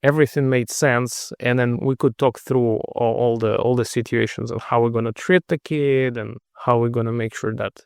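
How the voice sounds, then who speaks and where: A middle-aged man with a Russian accent, a podcast guest in a casual interview conversation, talks things through in a measured, thoughtful way, restarting phrases while searching for words. His mid-pitched voice is gravelly with fairly even intonation, and the sound is dry and close with no room sound.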